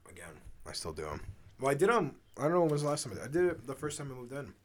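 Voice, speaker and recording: A man's voice: medium pitch, very animated, rapid-fire. A young man hosting a casual podcast at home, laid-back and rambling with plenty of swearing. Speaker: podcast host. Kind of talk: casual chat. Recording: faint background noise.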